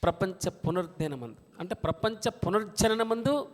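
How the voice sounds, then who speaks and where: A man with a high-pitched voice preaches a sermon. He drops to quiet, low passages, then rises to loud, emphatic reading of scripture. He calls on the congregation to read each verse aloud with him. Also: animated, normal speed.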